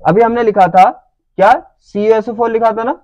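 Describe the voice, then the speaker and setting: A man's voice: sits high, steady tone, moderate pace, darkish tone, no echo, lo-fi sound. A man teaching a lecture who keeps asking the class whether they follow. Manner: checks understanding with repeated questions.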